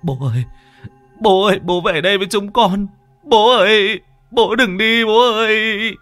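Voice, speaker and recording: A grieving young son wails out in a high, strained, tearful voice, as a male narrator puts him on. The voice sounds thinner and farther off than the narrator's own, in a dry recording of a spoken ghost story. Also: measured pace, a bit bright, dry recording, faint music behind. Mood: sobbing plea. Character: grieving young man crying for his dead father.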